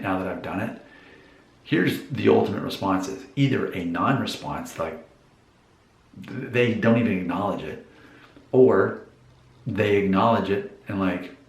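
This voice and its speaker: A man's voice: lowish voice, gravelly, roomy sound. A man in his forties thinking aloud to viewers in a casual, musing vlog monologue. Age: 40s. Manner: musing, self-questioning. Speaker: vlogger.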